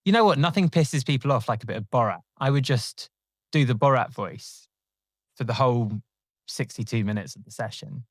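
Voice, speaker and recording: A man's voice: mid-range voice, animated, moderate pace, no echo, clean studio sound. A man hosting a comedy podcast, chatting in a wry, rambling way with frequent laughs. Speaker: podcast host. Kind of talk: casual comedic chat.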